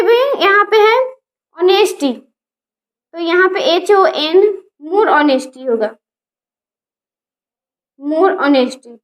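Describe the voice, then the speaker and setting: High-voiced woman teaching grammar. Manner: spells words letter by letter slowly. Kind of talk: grammar lesson.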